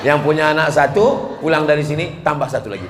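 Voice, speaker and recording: Animated male preacher in an echoey hall. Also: fairly high pitch, fast. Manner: animated, acts out dialogues, chants Arabic. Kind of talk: humorous sermon to a crowd. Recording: echoey hall, faint noise.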